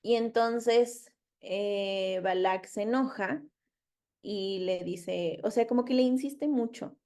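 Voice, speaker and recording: A slow-spoken woman leads a relaxed Bible study. Her voice is mellow and dark, and her delivery is chatty: she paraphrases freely and keeps asking her listeners questions. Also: medium pitch. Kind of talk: casual Bible study teaching.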